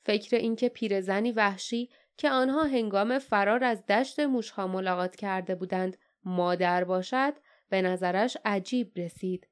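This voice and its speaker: A woman narrating an audiobook in a measured, even storytelling manner. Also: medium pitch, smooth. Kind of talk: scripted narration.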